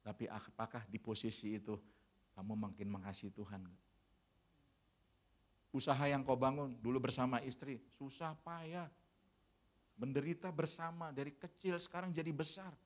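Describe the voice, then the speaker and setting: A man preaching a sermon as pastor, telling a personal story in an animated way that grows loud and emphatic. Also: mid-range voice, moderate pace, pauses often.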